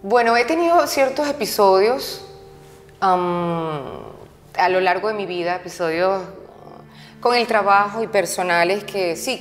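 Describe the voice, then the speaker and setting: Emphatic woman in an echoey room. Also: medium pitch. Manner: emphatic, repeats words for stress. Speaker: interview guest. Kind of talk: candid conversational storytelling. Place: interview set. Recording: roomy reverberant room, faint music.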